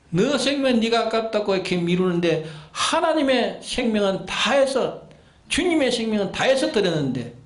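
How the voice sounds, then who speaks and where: A man's voice: high voice, reverberant. A man preaching a sermon as pastor, exhorting his listeners with repeated commands and pointed rhetorical questions. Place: church sanctuary.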